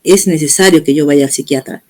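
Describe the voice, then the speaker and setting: A woman's voice: deep voice, a little fast, darkish tone. Earnest middle-aged woman recounting events. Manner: earnest storytelling, acting out others' words in quotes. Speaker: interviewee. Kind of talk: personal testimony in an interview.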